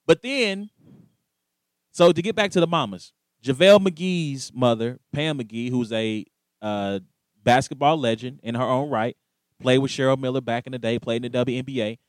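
A man's voice: mid-range voice, moderate pace, no echo. A man hosting a casual sports talk show, telling stories with lots of energy and acting out the lines he quotes. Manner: animated storyteller, acts out quoted voices.

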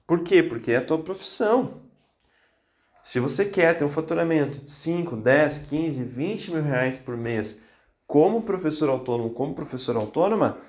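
Guy hosting a teacher coaching podcast, slightly high voice, bit stuffy from a cold, echoey room. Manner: insistent, repeats phrases for emphasis. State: slightly congested with a cold, occasional coughs. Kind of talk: motivational podcast monologue.

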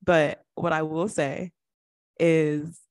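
A young woman co-hosting a podcast in casual chat, expressive, laughing often and asking rhetorical questions. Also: low voice, extremely slow, dry recording, clean studio sound. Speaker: podcast co-host.

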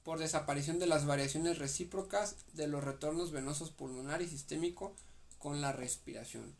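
A young man with a Mexican accent, studying with a partner for a medical exam, reads the guideline notes and then explains them again in slangy, casual terms. He speaks at a moderate pace in a fairly high voice marked by vocal fry.

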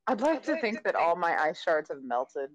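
A woman's voice: fairly low pitch, big pitch swings, moderate pace, soft background music. A woman playing a tabletop game, describing her character's actions in a dry, amused way. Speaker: player. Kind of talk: casual tabletop game play.

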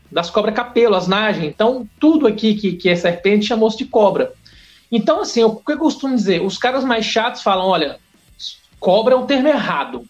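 A Brazilian biologist, a man, talking as a podcast guest in an animated, slangy, emphatic way. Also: high-pitched. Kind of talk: casual podcast chat. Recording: dull lo-fi audio with faint music.

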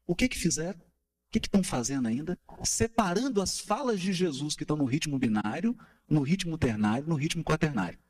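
A man's voice: a little high, fairly quick. A man giving an explanatory talk to a study group, asking rhetorical questions and tapping out rhythms as he goes. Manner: animated, asks rhetorical questions, taps out rhythms.

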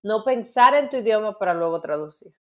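A woman's voice: mid-range voice, expressive, a little fast, darkish tone. A woman with a Dominican Spanish accent, co-hosting a podcast in casual chat, who sometimes loses her thread and repeats words while searching for the right one. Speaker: podcast co-host.

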